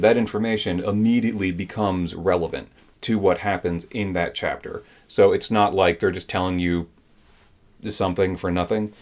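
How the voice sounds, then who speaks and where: Man, deep voice, chatty book reviewer, eager and meandering, heavy on fillers. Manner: enthusiastic, rambling, with many fillers. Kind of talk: casual spoken book review.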